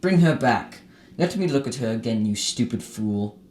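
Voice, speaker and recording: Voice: medium pitch, animated, normal speed, darkish tone, slight background noise, close to an everyday voice. A performer in a radio drama playing Ebenezer Scrooge, an old miser full of regret, with an emotional, pleading delivery. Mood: anguished, pleading.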